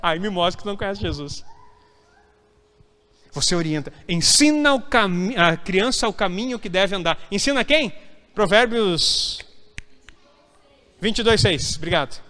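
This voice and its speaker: High, bright-voiced pastor preaching. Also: male voice, animated, normal speed, pauses often. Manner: emphatic preaching, acts out whiny voices of church members. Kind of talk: sermon. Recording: hall reverb.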